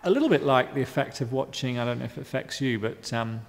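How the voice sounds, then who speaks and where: A man in his fifties from Guyana answers interview questions about his art, halting and wry, full of ums and restarts. His voice is gravelly. The sound carries a long reverb from a large exhibition space. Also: medium pitch, animated, slight background noise. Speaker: artist interviewee. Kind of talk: hesitant reflective interview answers. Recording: reverberant room.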